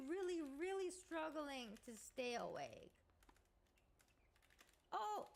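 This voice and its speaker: A young woman streamer chatting casually on a live stream, playful and thinking out loud with giggles. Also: very high-pitched.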